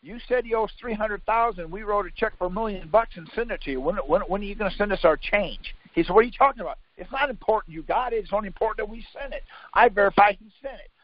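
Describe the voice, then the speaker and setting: He talks fast and barely pauses, his high-set voice carrying over a muffled, lo-fi conference call line. Leading the call, he teaches legal theory informally by questioning his listener, insisting on his points and contradicting them.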